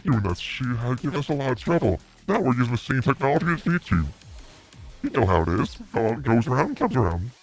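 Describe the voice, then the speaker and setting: A man voicing a cocky young man who disguises his voice with a voice changer, in a smug, taunting, unhurried manner. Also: medium pitch, big pitch swings, soft background music. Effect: voice changer mimicked by the performer's own voice. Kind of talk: let's play character voicing.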